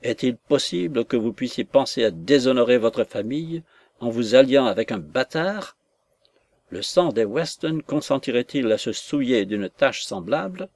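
A man voicing a proud, stern older aunt quick to fury in a storybook reading, with an imperious, scolding delivery. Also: mid-range voice, lively intonation, a little mellow, no echo. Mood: furious.

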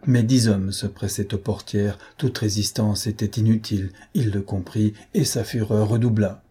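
A man narrating a classic adventure novel as an audiobook, in a dramatic, measured reading. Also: fairly low pitch, fairly even intonation, warm tone, breathy edge. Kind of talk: scripted literary narration.

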